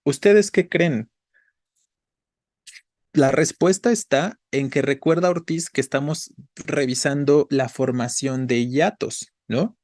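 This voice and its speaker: A man's voice: a little high, darkish tone, no echo. A man teaching a Spanish grammar class, patiently explaining and checking in with his students. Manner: patient, checks in with frequent "¿no?" and "¿vale?"; spells out syllables slowly.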